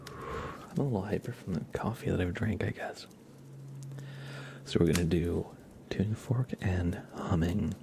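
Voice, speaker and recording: Hosting an ASMR livestream, a man whispers close to the mic with a slightly blocked nose, bantering playfully and teasingly with viewers. His voice is low and unhurried, with vocal fry and long pauses, and background noise is audible.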